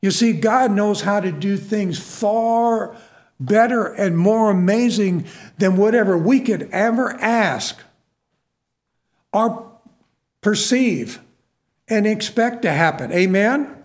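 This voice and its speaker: High-voiced, unhurried preacher man. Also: expressive. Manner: folksy and earnest, repeats words, calls out "Amen?". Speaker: preacher and prison minister. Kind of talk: storytelling sermon.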